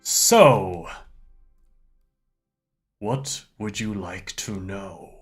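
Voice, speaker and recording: A man voicing a grandiose, disdainful fortune teller in a tabletop game, with booming, theatrical proclamations. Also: drawn-out words, soft background music. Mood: imposing. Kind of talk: tabletop game role-play.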